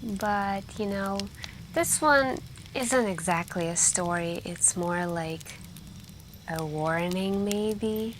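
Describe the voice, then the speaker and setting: Here a woman with a mid-range voice acts as a girlfriend on a camping trip, telling stories in soft-spoken ASMR style. Her delivery is hushed, intimate and drawn-out, full of long pauses and some whispering, with campfire crackle and night sounds around her.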